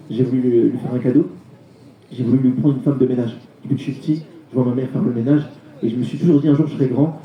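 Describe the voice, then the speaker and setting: A male stand-up comedian doing a live routine, telling rapid, animated stories and slipping into acted voices. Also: mid-range voice, dull audio. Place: live comedy show venue. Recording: echoey venue with crowd.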